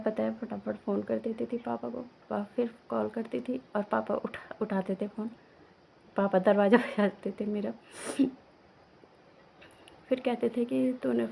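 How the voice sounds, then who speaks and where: Young woman vlogging at home, talks in loops and restarts, bit of vocal fry, faint hiss behind. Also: mid-range voice, darkish tone, rough recording. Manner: emotional, rambling with many restarts and fillers. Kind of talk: casual personal storytelling. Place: village home, indoors.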